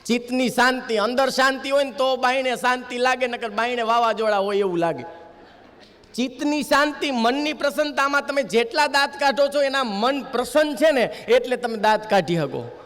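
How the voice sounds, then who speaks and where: A man's voice: extremely high pitch, normal speed, a bit bright, in a large hall. A man performing a stage comedy monologue, telling folksy stories that land on punchlines. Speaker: humorist.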